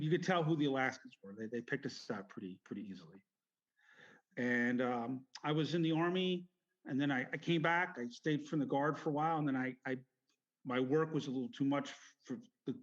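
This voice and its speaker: Middle-aged man rambling through stories, dull audio. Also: medium pitch. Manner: halting, meandering, self-correcting. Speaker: military veteran interviewee. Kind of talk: rambling personal storytelling interview.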